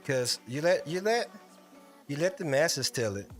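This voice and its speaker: A man's voice: a little high, expressive, a little slow, faint music behind. Rambling man hosting a livestream. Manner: rambling, talks straight to viewers in the chat. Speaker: livestream host. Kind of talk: casual live-stream commentary.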